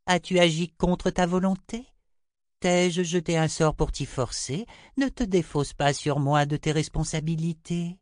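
A man's voice: no room sound, studio quality, close to an everyday voice. A man putting on a cryptic aloof seer woman. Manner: raised pitch, slow measured delivery. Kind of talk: audiobook character voice.

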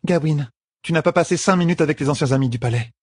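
A man's voice: a little high, fast, slightly rough, no room sound, pitched above the performer's own voice. Elaine, a man voicing a wry young queen. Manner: dry teasing, composed. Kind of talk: audiobook character voice.

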